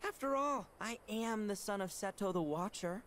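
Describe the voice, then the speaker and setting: A man's voice: sits high, expressive, normal speed, fairly bright tone, a little hiss or hum. Proud young creature guy, confident and earnest. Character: proud young male beast warrior, confident.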